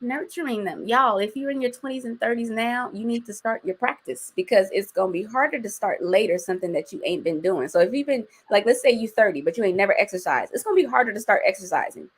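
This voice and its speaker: A woman's voice: mid-range voice, lively intonation, quick pace, hardly any pauses, husky. A woman in her forties, a guest talking casually and outspokenly, with slang and some swearing. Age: 40s. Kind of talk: casual interview chat.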